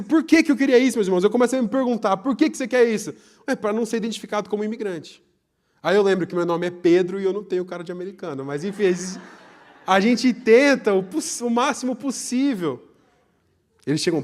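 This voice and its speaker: A young Brazilian man preaching a live sermon in church, swinging between loud emphasis and hushed asides. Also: high voice. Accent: Brazilian Portuguese.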